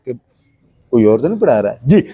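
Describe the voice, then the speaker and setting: A man's voice: mid-range voice, sing-song, mellow, husky. Pakistani man teaching devotional chant. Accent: Pakistani Urdu. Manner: sings slow drawn-out phrases, then explains in fast speech; addresses children as a coaxing teacher. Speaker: naat singing teacher. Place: school classroom.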